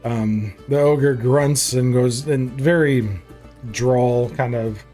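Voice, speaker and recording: A man's voice: mid-range voice, takes it slowly, warm tone, soft background music. A man improvising narration as game master of a tabletop fantasy game.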